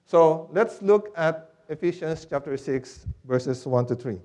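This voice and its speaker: A man's voice: on the high side, lively intonation, unhurried, dark tone. A man preaching a sermon in a church, teaching step by step and asking rhetorical questions.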